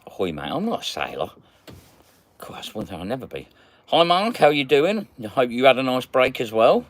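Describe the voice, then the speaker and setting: A man's voice: mid-range voice, very animated, fairly quick. A man hosting a casual livestream, chatting and greeting viewers by name as he reads their comments. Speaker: magnet fishing livestream host.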